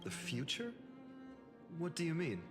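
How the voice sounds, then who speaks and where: Earnest, tormented young warrior in reverb. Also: male voice, a little high, wildly swooping pitch, unhurried. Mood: wry, puzzled. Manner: solemn, breathy, intense. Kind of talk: dramatic game voice acting. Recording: long reverb, music over voice.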